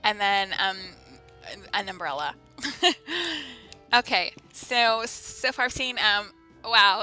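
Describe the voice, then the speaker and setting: A woman's voice: mid-range voice, creaky, bright, forceful tone. A woman chatting casually and playfully with viewers as she streams a video game, giggly in manner. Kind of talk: casual livestream game commentary and chat.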